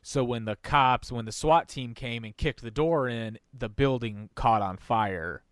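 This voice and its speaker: A man's voice: medium pitch, a little slow, a bit bright, dry recording, studio quality. A man chatting casually as a podcast co-host, laid-back, slangy and often hedging. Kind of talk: casual chat.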